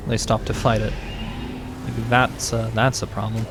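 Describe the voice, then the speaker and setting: A man's voice: on the low side, level tone, a little slow, noisy background. A man giving casual let's-play commentary while streaming a game, rambling and joking with lots of "like" fillers. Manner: rambling and joking, heavy use of "like". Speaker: gaming streamer.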